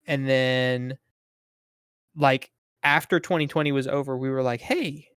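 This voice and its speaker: Male podcast co-host, mid-pitched, loose rambling chatter, dry mic. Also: flat delivery, a little slow, a bit bright, clean tone, no room sound. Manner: rambling, filler-heavy, swears casually. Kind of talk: casual chat.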